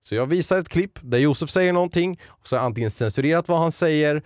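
A man's voice: on the high side, darkish tone, no room sound, studio quality. A young man co-hosting a Swedish podcast, chatting casually and loosely with lots of fillers. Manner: loose, filler-heavy, joking. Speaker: podcast co-host running a segment.

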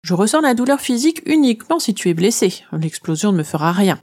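A woman voicing a girl's cheeky talking shadow in a children's audio story, matter-of-fact and quick to tease. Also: medium pitch, sing-song, darkish tone. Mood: reassuring.

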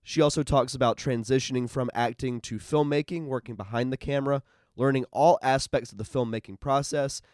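A man's voice: mid-range voice, steady tone, brisk, a little mellow, no echo, studio quality. A man with a stuffy head cold hosting. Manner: upbeat, chatty with fillers. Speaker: podcast host. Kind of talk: casual podcast interview.

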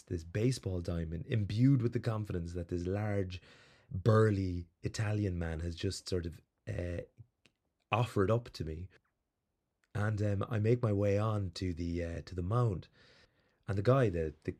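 A man hosting a podcast, telling a rambling, animated story with plenty of fillers before reading out some background. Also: low voice. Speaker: podcast host. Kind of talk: casual storytelling monologue.

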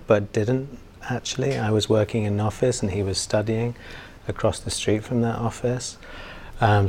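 A man from England, an architect guest, telling stories in a relaxed way with fillers in an office interview. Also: lowish voice, slight background noise. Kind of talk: casual interview conversation. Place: university office.

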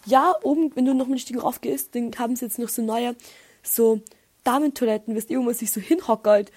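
A woman's voice: fairly high pitch, fairly quick, darkish tone, natural voice. A woman voicing a friendly young woman clubgoer who gives directions in a chatty, helpful way.

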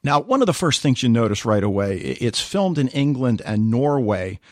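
A man's voice: mid-range voice, big pitch swings, moderate pace, dry recording, clean studio sound. A man co-hosting a podcast, chatting casually and telling stories with animation. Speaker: podcast co-host.

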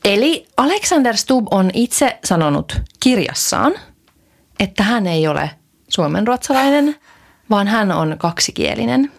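A woman co-hosting a podcast in casual chat, often hesitant, trailing off and restarting, then animated. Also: mid-range voice, creaky. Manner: animated, lively. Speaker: podcast co-host.

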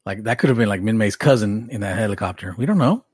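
A man's voice: lowish voice, lively intonation, fast, darkish tone, husky, no room sound, clean studio sound. A man co-hosting a podcast in casual chat, laid-back and amused, often trailing and restarting. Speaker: podcast co-host.

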